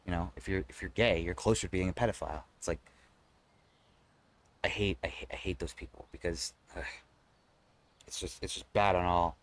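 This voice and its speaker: A man with a low, fairly even voice live-streams, chatting casually with viewers and answering their messages. He talks briskly but rambles, restarting often, swearing casually, and leaving long pauses.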